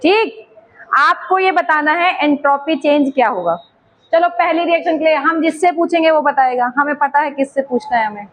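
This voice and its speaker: A woman's voice: high voice, normal speed, rough recording. A woman teacher with an eastern Uttar Pradesh Hindi accent, teaching a chemistry class and coaxing students with teasing questions.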